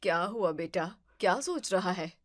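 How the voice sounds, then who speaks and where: A woman's voice: lowish voice, animated, moderate pace, dry recording, clean studio sound, voice pushed down. A woman doing a bossy scolding mother. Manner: scolding, commanding. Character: older Indian mother, bossy but fond. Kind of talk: family drama acting.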